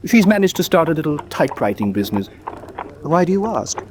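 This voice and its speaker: Radio drama country doctor: English, genial gossip, lightish high voice, noisy background. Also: male voice, big pitch swings, brisk. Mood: gossipy. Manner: genial, gossipy, clipped old-fashioned phrasing. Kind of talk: classic radio drama acting.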